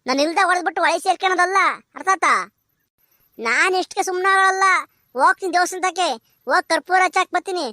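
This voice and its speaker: Shrill quarrelsome old village granny for a cartoon comedy, a woman voices her; rural Karnataka Kannada accent, bright piercing tone. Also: quick pace, long pauses, no echo, clean studio sound. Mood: angry scolding. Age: older. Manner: shrill scolding, threatening.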